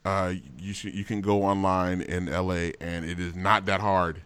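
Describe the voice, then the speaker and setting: A man's voice: low voice, little pitch movement, normal speed, a bit bright, clean tone. A man hosting a comedic chat show, joking in a sarcastic, bantering way. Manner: sarcastic, jokes in a mock baby voice. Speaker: podcast host.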